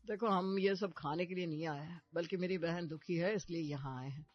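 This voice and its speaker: Guy playing a chill big brother, pretty high voice, muffled audio, music. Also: fairly quick, no room sound.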